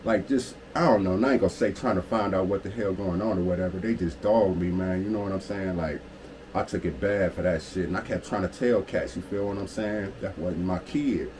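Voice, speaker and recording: A man's voice: deep voice, fairly quick. A man in his forties from Cleveland telling his life story in a casual storytime monologue, with street slang, cursing and constant "you feel me" check-ins. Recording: steady air-conditioner hum behind the voice. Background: air conditioning hum.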